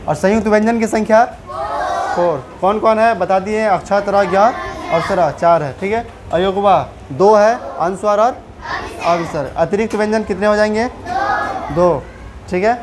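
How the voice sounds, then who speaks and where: A woman's voice: mid-range voice, background noise. A woman teacher with a Bihari Hindi accent, giving a classroom grammar lesson and often asking the pupils questions to check they follow.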